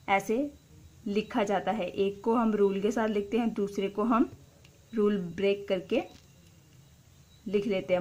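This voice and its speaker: A woman teaching a shorthand lesson, patiently repeating example words slowly and explaining each step. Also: mid-range voice, a little mellow.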